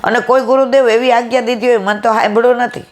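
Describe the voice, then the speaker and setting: A woman's voice: a little high, fairly even intonation, fast. A woman giving a devotional satsang talk, retelling a conversation and fondly calling listeners "my dear". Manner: affectionate, storytelling, addresses listeners as "my dear". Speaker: satsang speaker.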